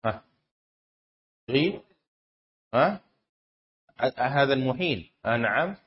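A man teaching a class on Islamic law, quizzing students and repeating key terms slowly with emphasis. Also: mid-range voice, animated. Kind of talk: classroom lesson with student exercise. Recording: dull lo-fi classroom recording.

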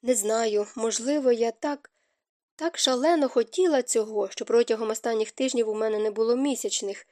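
Brief: woman narrator doing a weak, pleading young wife; higher, mellow voice, dry close read. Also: moderate pace, natural voice. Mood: tearful. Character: fragile, tearful young noblewoman wife.

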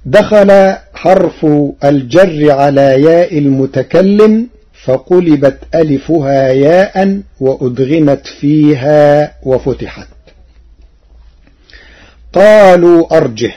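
A man explaining Quran recitation variants in a slow, measured, formal scholarly way on a radio broadcast. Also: on the high side, mellow, dull audio.

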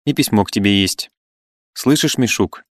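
A man's voice: on the low side, normal speed, no room sound, clean studio sound, natural voice. A man reading the part of a jovial middle-aged landowner bursting with good news. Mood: joyful. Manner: loud, joyful calling out.

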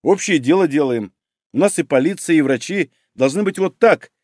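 A man's voice: a little high, animated, moderate pace, a little mellow, no echo, clean studio sound. A man voicing a brash, bossy woman head doctor. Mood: gossiping. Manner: coarse, bossy, barking. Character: loud brash middle-aged female head doctor.

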